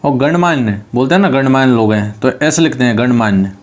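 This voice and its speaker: A male teacher with a mid-pitched voice. He runs an online exam-prep class on spelling. He says each word and then explains how it is correctly written. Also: fairly quick.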